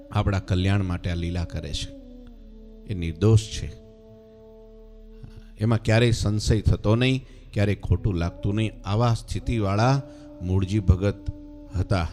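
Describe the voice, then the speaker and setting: A man who is a swami preacher, telling a devotional story as a sermon and often asking his listeners rhetorical questions. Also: fairly low pitch.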